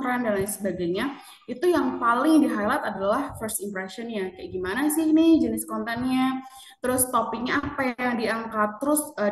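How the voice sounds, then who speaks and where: A woman's voice: a little high, a bit bright, roomy sound, recorded from a distance. A woman presenting a casual marketing lecture, chatty, often asking the audience questions.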